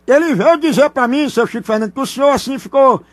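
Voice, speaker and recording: A very high, squeaky male caller, as a man puts him on, who stammers and hedges, drawing out his gossip in a teasing prank phone call. The voice sounds dry and close. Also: animated, fast talker, dry recording. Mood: hesitant.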